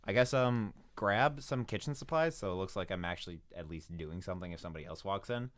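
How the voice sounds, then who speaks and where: A man plays in a tabletop role-playing game, speaking in a casual, offhand way. His voice is fairly low, and he talks quickly. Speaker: player.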